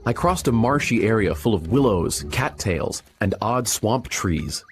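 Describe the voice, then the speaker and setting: A man narrating an adventure storybook in an expressive reading style. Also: lowish voice, a little slow, music in the background.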